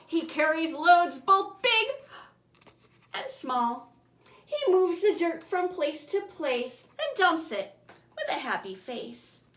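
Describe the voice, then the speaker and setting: An author reads her own rhyming children's bedtime picture book aloud, theatrical and expressive, her volume swinging from booming to hushed whispers. She delivers the rhymes slowly, deliberately and rhythmically, in a roomy, echoing space.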